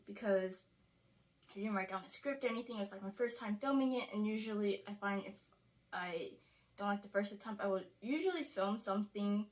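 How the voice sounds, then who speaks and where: A woman's voice: mid-range voice, a little fast. A young woman vlogging casually to camera from a small closet, rambling with lots of filler words, hot and a bit out of breath. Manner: rambling, chatty, frequent "like" fillers. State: sweating, a little out of breath. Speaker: beauty vlogger. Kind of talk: casual talking-to-camera vlog. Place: small closet filming space.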